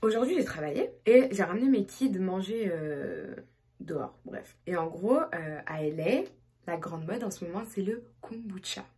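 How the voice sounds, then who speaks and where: Very husky-voiced young woman vlogging. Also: lowish voice, animated, moderate pace, dark tone. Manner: slangy, rambling, chatty. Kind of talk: casual vlog chat.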